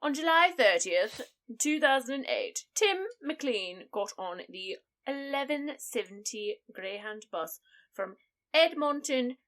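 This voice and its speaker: A woman with a fairly high, very bright voice hosts a casual true-crime conversation. She tells the story from her notes in an irreverent, sweary way. She is quick to make fun of her own confusion. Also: expressive. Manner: irreverent, sweary, self-deprecating. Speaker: podcast host.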